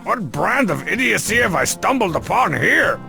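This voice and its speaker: A man's voice: high voice, sing-song, normal speed, vocal fry, sharp tone, soft background music, heavily acted. A man voicing a bossy, sarcastic would-be dictator in a cartoon game, pompous and mocking. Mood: scornful.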